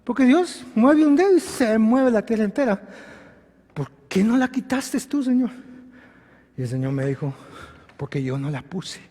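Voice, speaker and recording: High-voiced preaching pastor in a church hall. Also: male voice, sing-song, moderate pace, long pauses. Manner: swings from hushed to shouting. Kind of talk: sermon.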